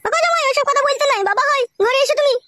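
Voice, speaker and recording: A woman's voice: extremely high pitch, rapid-fire, sharp tone, no room sound, studio quality. A woman voicing an older village mother-in-law who coaxes and pleads in a sing-song way. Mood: coaxing.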